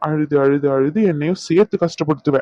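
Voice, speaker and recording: A hurt and stubborn young husband, played by a man, speaking in a somewhat high voice and lecturing his wife sternly. The recording is dull and lo-fi, dry and close in an audio drama. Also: steady tone, a little fast, warm tone, no echo, lightly acted. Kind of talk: Tamil audio drama acting.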